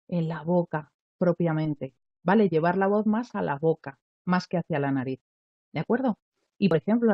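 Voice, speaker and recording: A woman's voice: medium pitch, dry recording, lo-fi sound. A woman from teaching a live online voice lesson, explaining things step by step and often checking in with listeners. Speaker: voice coach.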